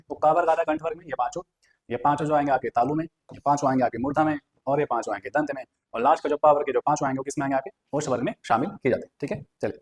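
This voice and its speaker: Man teaching a fast exam prep lesson. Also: fairly high pitch, a little hiss or hum. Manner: explains step by step with repeated fillers.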